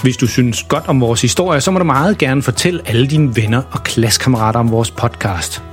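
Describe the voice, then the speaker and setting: A man narrating a funny children's story in a playful, lively way. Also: mid-range voice, over music.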